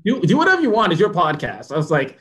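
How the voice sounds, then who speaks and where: A man's voice: high voice, wildly swooping pitch, fast, fairly bright tone. Casual man chatting as a podcast guest. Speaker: podcast guest, young adult show creator.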